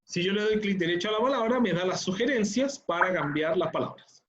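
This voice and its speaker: High-voiced male teacher explaining. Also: expressive, a little fast, muffled recording. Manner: patient, explanatory, frequent "¿ya?" check-ins. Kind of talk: online class instruction.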